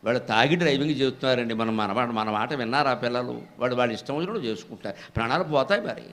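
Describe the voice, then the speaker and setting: An older man giving a devotional discourse, telling stories with lively acted-out dialogue and bursting into slow, sung verse recitation. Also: medium pitch. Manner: animated storytelling with acted-out dialogue. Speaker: Telugu discourse speaker.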